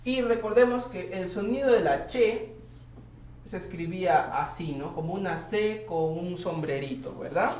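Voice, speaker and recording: A man's voice: high-pitched, a little mellow, slight background noise. A male teacher patiently going over exam answers, constantly checking in with his students. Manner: patient, checks in with tag questions. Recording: echoey room.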